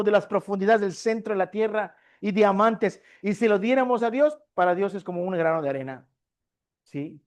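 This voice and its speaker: A male preacher with a fairly high voice, speaking. He teaches a discipleship class in sermon style and keeps asking the congregation rhetorical questions, then answers them himself. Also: darkish tone.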